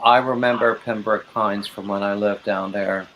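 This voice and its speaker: Low-voiced man chatting over background noise. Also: normal speed, low-quality recording. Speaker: livestream host. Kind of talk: casual chat. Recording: steady noticeable background noise.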